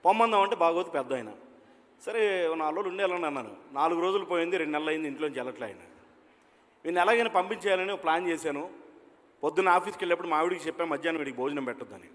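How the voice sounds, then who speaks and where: A man's voice: on the high side, lively intonation, very fast, fairly bright tone. A man doing stand-up comedy as a mimicry entertainer, chatty and telling anecdotes while quizzing the crowd. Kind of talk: stand-up comedy with audience interaction. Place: event hall. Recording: long reverb of an event hall.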